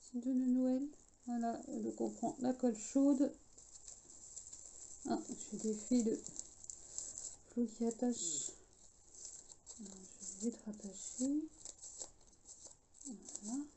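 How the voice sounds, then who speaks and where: Woman w/ slight english accent doing a craft tutorial, kinda high voice, takes her time, lots of umms. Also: slow, pauses often, warm tone, slight background noise, rough recording. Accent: English-tinged French. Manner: chatty, hesitant with many fillers. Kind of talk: casual DIY tutorial.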